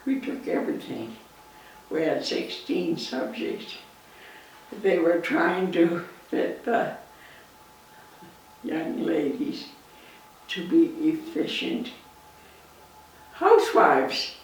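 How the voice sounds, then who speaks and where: A woman in her nineties with a Canadian accent, reminiscing in an interview in a halting way, pausing mid-sentence. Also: on the low side, big pitch swings. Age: 90s. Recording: echoey, distant mic, faint noise.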